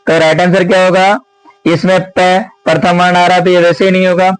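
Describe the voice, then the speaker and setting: Slow, questioning male grammar teacher. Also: high-pitched, flat delivery, clean tone, no echo, poor audio. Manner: slow, repetitive explaining with many rhetorical questions. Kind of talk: exam question walkthrough lesson.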